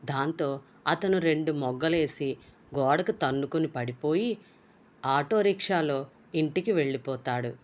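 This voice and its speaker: A woman with a low voice, narrating a novel at an even, steady pace. She reads the story in a plain way. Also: measured pace, long pauses. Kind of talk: novel summary and reading.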